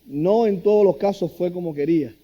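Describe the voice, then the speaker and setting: A man's voice: high-pitched, fairly quick, dull audio. A middle-aged man from Cuba preaching a sermon, telling stories and acting out quoted lines with a raised voice. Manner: storytelling, animated, acts out quotes in a raised voice. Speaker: pastor.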